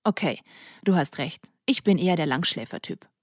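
A woman's voice: low-pitched, expressive, normal speed, husky, no echo, studio quality. A woman voicing a self-assured teenage boy who teases in an easygoing way, in an audiobook. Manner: easygoing, teasing. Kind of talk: audiobook character voice.

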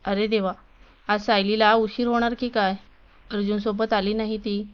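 Woman reading a gentle mother-in-law, caring, smooth voice, muffled lo-fi sound. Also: medium pitch, flat delivery, moderate pace, lightly acted. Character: caring middle-aged mother-in-law, warm and shy. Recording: dull lo-fi recording.

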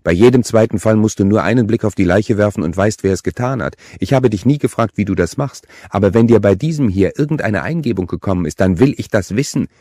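A man voicing an angry, blunt young policewoman who swears loudly. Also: extremely low pitch, little pitch movement, fast talker, hardly any pauses, no room sound, clean studio sound. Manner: furious, swearing, loud.

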